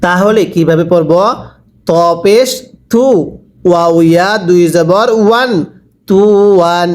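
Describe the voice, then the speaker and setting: A man teaching a reading lesson, slowly spelling out each letter and vowel, repeating them and urging viewers to read aloud along with him. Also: sits high.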